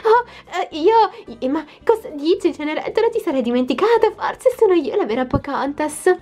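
A woman's voice: high-pitched, animated, normal speed, a little mellow, faint music behind. A woman voicing a sneaky evil twin princess who stammers and dodges questions. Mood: flustered. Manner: stammering, evasive.

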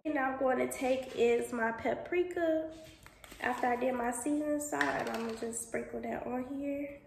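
A young adult woman, a cooking vlogger, walks viewers through a cook-along in her home kitchen, chatting casually and calling them y'all and boo. Her voice sits high with vocal fry at a normal speed. A camera on the counter picks her up from a distance, and the echoey kitchen carries noticeable background noise.

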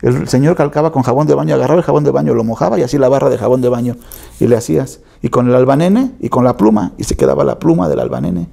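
Fast, gravelly, and dark-toned at a medium pitch, this Mexico City-accented tattoo artist spins stories during a relaxed interview. He talks in slang, imitates the voices of people he quotes, and often tacks on tag questions.

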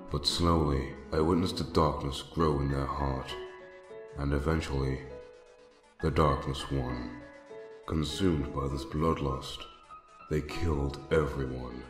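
A man playing a solemn, grave ghostly doctor in a dramatic comic dub, speaking in a measured way. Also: a bass voice. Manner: slow, grave, measured delivery. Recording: echoing voice over music.

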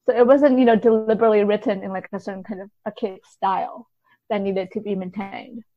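A woman literary translator, appearing as an interview guest, talks a little fast in a steady, mid-range voice. She explains conversationally while hedging with many softeners, and the recording sounds dull and lo-fi.

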